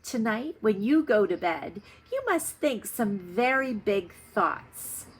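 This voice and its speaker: Storybook frog, played by a woman: male, helpful, sure of himself, giving clear reassuring instructions. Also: mid-range voice, expressive, takes it slowly, full character voice. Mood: helpful, encouraging. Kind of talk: children's storybook read-aloud.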